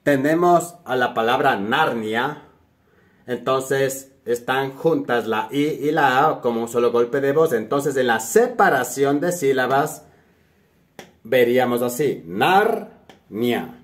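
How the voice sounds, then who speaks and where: A man's voice: mid-range voice, unhurried. A man from Ecuador, a spelling teacher, explaining grammar rules step by step in a video tutorial and checking in with the viewer as he goes.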